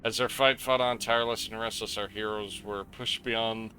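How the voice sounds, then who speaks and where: A man's voice: on the low side, steady tone, normal speed, sharp tone. A man streaming a game live, reading the story text aloud, tripping over names and swearing in between.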